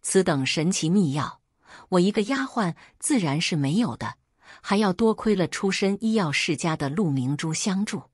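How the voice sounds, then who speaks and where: Storyteller, woman, husky low voice, lively expressive delivery, dry sound. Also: normal speed, no room sound. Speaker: narrator. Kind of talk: storytelling narration.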